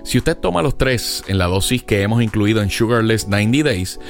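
A man's voice: fairly low pitch, lively intonation, normal speed, faint music behind. A man appearing as a doctor guest, explaining a product in an authoritative, scripted way.

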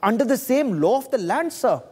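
A male Indian news anchor moderating a live debate in a very high-pitched voice. He speaks with an Indian accent and presses guests insistently, interrupting and stacking rhetorical questions. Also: big pitch swings, normal speed, darkish tone, breathy edge.

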